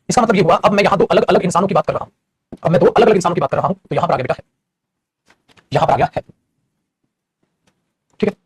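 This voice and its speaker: A man teaching English grammar in a lecture. He explains fast, calls his students "beta" and keeps asking if they follow. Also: high voice, breathy edge. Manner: rapid and explanatory, addresses students as "beta", often asks "theek hai?". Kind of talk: classroom lecture in Hindi mixed with English.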